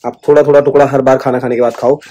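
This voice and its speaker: A man's voice: medium pitch, flat delivery, very fast, warm tone, muffled recording. A man chatting casually to the camera in a home vlog, sharing tips and calling his viewers brother. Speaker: vlogger. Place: at home, indoors.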